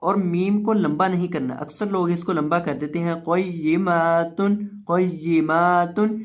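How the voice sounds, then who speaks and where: A Quran reading teacher giving a Qaida lesson who spells out syllables slowly and drawn out, then explains the rules more quickly. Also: medium pitch.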